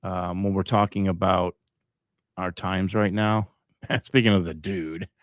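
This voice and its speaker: A man's voice: low voice, fairly even intonation, measured pace, no echo, studio quality. A middle-aged man hosting a live podcast, talking in a rambling, emphatic way with frequent chuckles. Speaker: podcast host.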